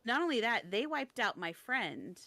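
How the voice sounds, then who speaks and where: A young woman telling a story in casual chat, self-deprecating, with frequent quick restarts. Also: on the high side, very animated, sharp tone, no echo.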